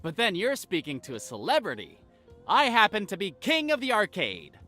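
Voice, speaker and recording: A man's voice: sits high, wildly swooping pitch, moderate pace, bright, forceful tone, soft background music, full character voice. An actor playing a cocky, hostile handyman in a video game, brash, boastful and confrontational. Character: cocky, hostile man, arcade-loving handyman.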